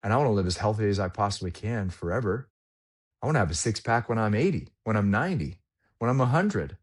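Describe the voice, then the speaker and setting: A man's voice: lowish voice, very animated, fast talker. A man in his forties telling a personal story in a candid, reflective way, with casual slang, as a guest in a podcast conversation. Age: 40s.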